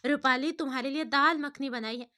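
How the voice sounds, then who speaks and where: A woman voicing a kind, motherly middle-aged woman who speaks in a warm, coaxing way. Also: high voice, fairly quick.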